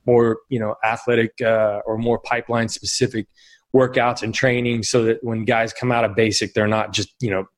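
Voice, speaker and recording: A man's voice: mid-range voice, flat delivery, normal speed. A middle-aged man, a podcast guest, telling rambling anecdotes with frequent chuckles. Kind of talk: casual storytelling.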